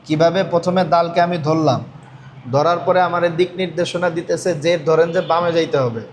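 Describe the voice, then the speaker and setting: A man's voice: a little high, fairly even intonation, a little fast, a little hiss or hum. A man teaching a Quran reading class, asking his students questions and repeating their answers. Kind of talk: classroom lesson.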